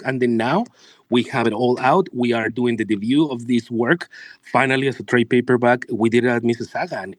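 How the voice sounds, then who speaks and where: A man's voice: medium pitch, no echo. A man from Mexico with a Mexican accent, a Spanish native speaker, giving rambling, enthusiastic interview answers as a comic book publisher.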